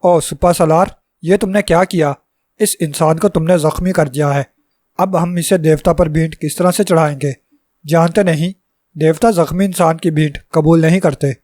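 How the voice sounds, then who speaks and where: A man's voice: fairly high pitch, fairly even intonation, darkish tone, dry recording, lightly acted. A man voicing a tiny, bald male dwarf priest who screams his threats in anger, in a read-aloud storybook. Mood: frantic.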